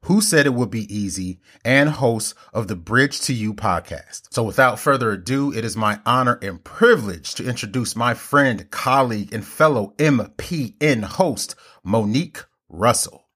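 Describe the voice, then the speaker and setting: A man's voice: medium pitch, animated, normal speed, few pauses, a bit bright, husky. A man hosting a podcast, introducing his guest and interviewing her in an upbeat, enthusiastic way. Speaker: podcast host. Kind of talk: scripted show intro and interview.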